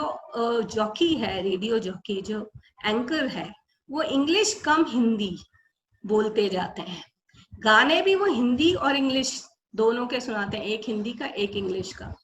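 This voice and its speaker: A woman's voice: a little high, a little hiss or hum, poor audio. An older woman from India giving a webinar lecture, explaining patiently and switching between Hindi and English. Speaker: webinar speaker.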